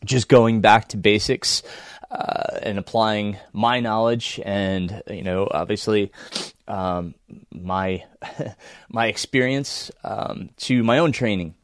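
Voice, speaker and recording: An American man with a croaky, froggy voice, congested from a cold, talking casually and unhurriedly as he hosts a solo podcast. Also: lowish voice, slow, no room sound, studio quality. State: under the weather, congested. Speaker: podcast host and running coach.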